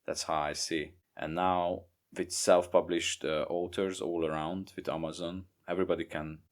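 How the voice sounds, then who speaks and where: A young Hungarian man with a Hungarian accent, a guest author talking casually in a podcast interview, halting and repeating words. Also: sits low, flat delivery. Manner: halting, repeats words, non-native grammar. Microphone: remote podcast recording.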